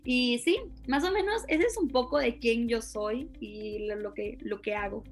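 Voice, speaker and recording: A young woman from Ecuador in her twenties, a youth pastor, speaking warmly and earnestly as a podcast guest. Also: on the high side, a little slow, soft background music. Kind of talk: interview conversation.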